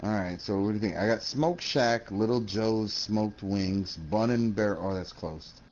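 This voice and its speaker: A man's voice: fairly low pitch, a little slow, darkish tone, muffled recording. A man chatting while gaming, rambling through a food menu and swearing freely. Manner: rambling, reads menus aloud, swears a lot. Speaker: streamer. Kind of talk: casual gaming chat. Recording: noisy voice chat line.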